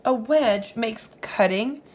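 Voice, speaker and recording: Slowly and in a darkish tone, a woman with a slightly high voice reads to young children. She teaches as she reads, explaining along the way and putting questions to the listener.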